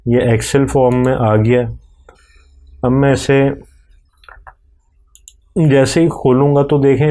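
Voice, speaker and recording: A man with a Pakistani accent slowly walking through a software screen recording, step by step. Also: mid-range voice. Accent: Urdu-Hindi speaking, Pakistani. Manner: slow, step-by-step explaining while clicking. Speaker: software tutorial presenter.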